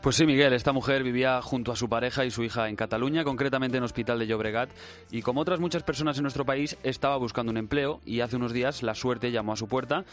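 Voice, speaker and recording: A man co-presenting a radio news story with a brisk, lively reading. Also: mid-range voice, soft background music. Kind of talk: scripted news narration.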